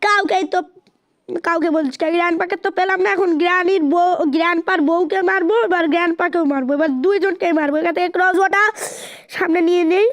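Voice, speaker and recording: Super high voiced woman playing a horror game, yelling and taunting the bad guys. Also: steady tone, quick pace. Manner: taunting, shouting at game characters. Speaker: gaming channel host. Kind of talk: excited horror game commentary.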